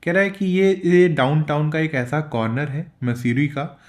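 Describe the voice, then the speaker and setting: A man teaching English comprehension, reading passages slowly in English and explaining them in Hindi, asking and answering his own questions. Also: on the high side, steady tone, darkish tone. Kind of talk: bilingual lesson explaining an editorial.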